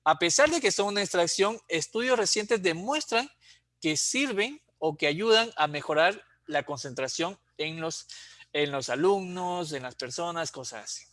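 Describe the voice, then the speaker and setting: Male tutor, bright slightly high voice, patient, dry close sound. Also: animated, moderate pace, no echo. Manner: explains patiently, checks in with a frequent "¿sí?". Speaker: teacher. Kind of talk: exam prep lecture.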